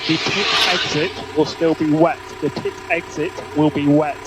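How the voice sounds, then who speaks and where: A man's voice: a little high, fairly even intonation, normal speed. A male race engineer giving terse pit radio calls, clipped and repeating each key instruction. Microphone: radio headset. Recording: team radio with loud car noise.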